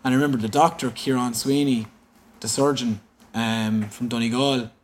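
A man's voice: mid-range voice, normal speed. Irish man telling a story, background noise. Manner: animated, quotes dialogue as he recounts. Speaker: interview guest. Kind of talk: personal storytelling in conversation.

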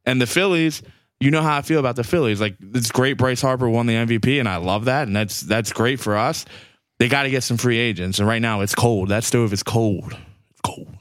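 Swearing exasperated Philly sports fan. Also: male voice, medium pitch, fairly quick, dry recording. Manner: profane, exasperated fan rant. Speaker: podcast co-host. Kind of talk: casual sports chat.

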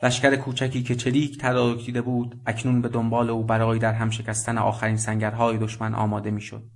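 Man, radio story narrator, measured, literary, mid-pitched. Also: completely flat delivery. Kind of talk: scripted narration.

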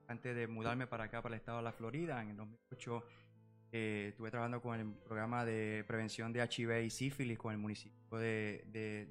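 A Puerto Rican man in his forties, a psychology professional, speaking as a podcast guest in a measured way with many filler pauses. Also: lowish voice. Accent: Puerto Rican Spanish. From Puerto Rico. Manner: measured, full of filler "eh" and "¿verdad?" tags. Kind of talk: podcast interview.

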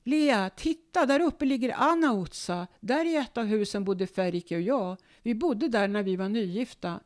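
A woman's voice: medium pitch, warm tone, pitched above the performer's own voice, lightly acted. A woman putting on the voice of her elderly mother, who talks eagerly about her girlhood.

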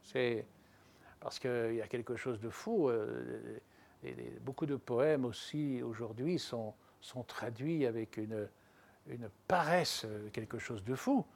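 Slow-spoken thoughtful man. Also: medium pitch, creaky. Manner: thoughtful, hesitant restarts, animated emphasis. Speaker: literary translator. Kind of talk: reflective interview talk.

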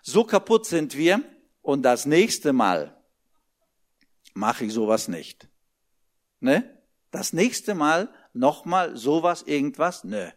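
A man's voice: a little high, takes it slowly, long pauses. Fervent German-speaking preacher man. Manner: animated, acts out little dialogues. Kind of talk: sermon.

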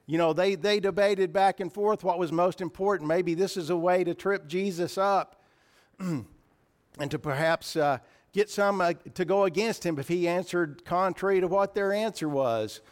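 In church, a man with a high, raspy voice preaches a sermon at a normal speed. He sounds earnest and slightly emotional, and he clears his throat often.

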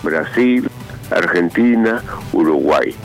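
A man's voice: sits low, animated, takes it slowly, gravelly, soft background music, poor audio. A man born in Puerto Rico calling in to a radio show, chatty and joking with the host. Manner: chatty, jokes and speaks to the host familiarly. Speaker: radio caller. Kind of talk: call-in opinion.

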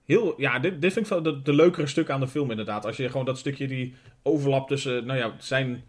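A Dutch man co-hosting a podcast, chatting about a film with lots of filler phrases. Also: mid-range voice. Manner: quick, chatty, many fillers like "zeg maar". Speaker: podcast co-host. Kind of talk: casual film discussion.

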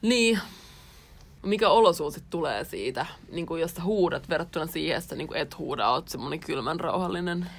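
A young woman co-hosting a conversational podcast. She muses her way through ideas, pausing with fillers as she reflects. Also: low voice, animated, creaky, breathy edge. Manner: thinking aloud, many fillers, reflective. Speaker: podcast co-host. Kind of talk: casual chat.

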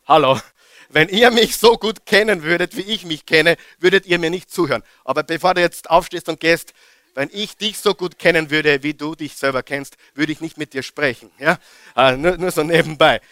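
A man preaching a lively sermon, often asking the congregation questions. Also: on the high side, normal speed, no echo, studio quality. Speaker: pastor.

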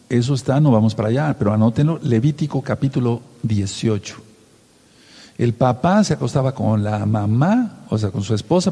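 Man, preacher, sermon, emphatic, husky voice, long reverb. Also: mid-range voice, dark tone. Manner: emphatic, spells out words letter by letter.

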